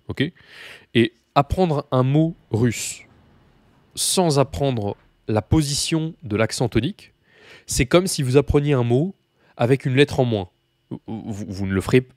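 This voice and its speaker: A man's voice: medium pitch, a little mellow, dry recording, studio quality. A man teaching Russian to beginners in a casual video lesson, chatty with many fillers and asides, talking straight to the learners.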